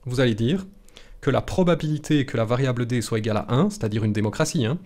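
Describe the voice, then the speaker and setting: A man's voice: mid-range voice, lively intonation, fast, a little mellow. A man hosting a live statistics lesson, explaining a formula step by step. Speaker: host.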